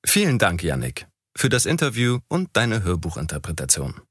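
A man's voice: sits low, wildly swooping pitch, moderate pace, a bit bright, breathy edge, no echo, clean studio sound. A man working as an interviewer, asking plainly phrased questions.

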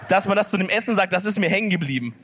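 A man's voice: sits high, animated, racing, a bit bright. A young man with a Swabian accent, co-hosting a live comedy podcast on stage with joking, slangy banter. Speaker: podcast co-host. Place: stage before a live audience.

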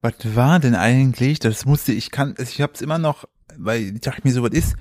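A man's voice: medium pitch, normal speed, darkish tone, no echo. Chatty young man, dry close sound. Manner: rambling anecdotes with many fillers, acts out voices. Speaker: podcast co-host. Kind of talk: casual chat, storytelling.

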